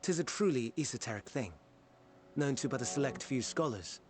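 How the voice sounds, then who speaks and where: In a game cutscene, an actor voices a genteel, kindly scholar who lectures in archaic speech, explaining things in a mid-range, expressive voice at normal speed. His delivery sounds natural, and music plays behind the game audio.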